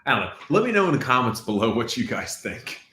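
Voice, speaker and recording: A man's voice: mid-range voice, sing-song, fast, bright, forceful tone, a little hiss or hum. A man co-hosting a casual hockey commentary, blunt and argumentative, recorded on a backup mic in a new room that sounds echoey. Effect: echoey room sound from an unconnected mic. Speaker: co-host. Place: new room, set up not finished. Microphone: external mic not hooked up, backup mic.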